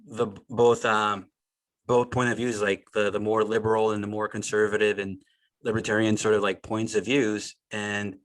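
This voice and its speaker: Man, low-pitched, casual group chat, rambling, fillers, video call mic. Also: flat delivery, moderate pace, rough recording. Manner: rambling with many fillers and restarts. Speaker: podcast co-host. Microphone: remote video call.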